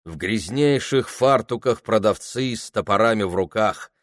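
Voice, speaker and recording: A man narrating a story in a slow, vivid, expressive reading. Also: lowish voice, no echo, clean studio sound. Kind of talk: dramatic audiobook reading.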